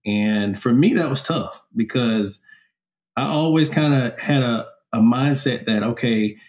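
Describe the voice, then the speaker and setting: A man guest on a podcast, speaking in a thoughtful, measured way and often saying "you know". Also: medium pitch, a little mellow. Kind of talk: reflective conversation.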